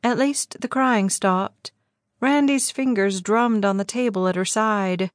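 A woman narrates a novel in a steady, measured way, with her voice sitting at a middling pitch. The sound is close and dry with no room at all. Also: no room sound. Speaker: audiobook narrator. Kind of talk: scripted narration.

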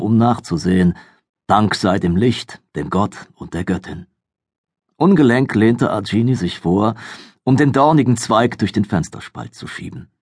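A man narrating a fantasy audiobook in a calm, measured storytelling manner. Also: fairly low pitch, breathy edge, dry recording, studio quality.

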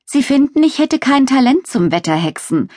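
A woman voicing a small, friendly old witch with a croaky voice in a children's storybook. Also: high voice, very animated, moderate pace, darkish tone, no echo, studio quality, pitched above the performer's own voice. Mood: chatty.

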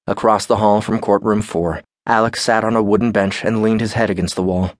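A man narrating an audiobook in scripted narration with a measured, even delivery. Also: fairly low pitch, dry recording, clean studio sound.

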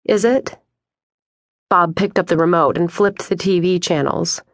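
A woman reading an audiobook in a measured, expressive way, voicing the dialogue. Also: on the low side, dry recording, clean studio sound. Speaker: audiobook narrator. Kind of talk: scripted narration. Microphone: close studio mic.

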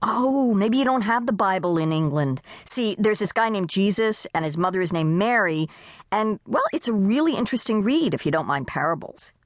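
A woman's voice: medium pitch, lively intonation, moderate pace, dry recording, studio quality, voice pushed up, close to an everyday voice. Woman doing a wisecracking pregnant housewife. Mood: teasing. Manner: wisecracking, teasing. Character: witty nervous pregnant American housewife.

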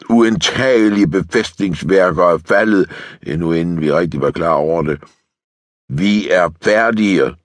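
Man playing a bitter tank officer, blunt, swearing, deep husky voice, dry close sound. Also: no room sound. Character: bitter, defeatist male tank lieutenant, coarse.

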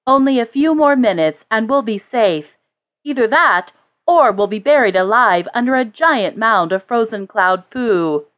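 A woman's voice: on the high side, animated, a little slow, muffled recording. A woman voicing a wry young woman rider who jokes through her fear. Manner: joking, light sarcasm.

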